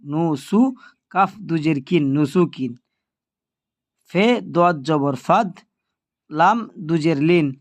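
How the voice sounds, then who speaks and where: High-voiced man teaching Quran reading. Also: dry recording. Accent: Bangladeshi Bengali. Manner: patient, spells syllables slowly then blends them. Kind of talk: spelling-out recitation lesson.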